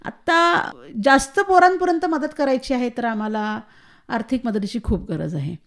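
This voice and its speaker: A woman's voice: high-pitched, normal speed. A woman, a radio interview guest who speaks earnestly and with emphasis in short phrases. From Maharashtra, India. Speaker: guest, founder of a children's home. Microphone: studio microphone.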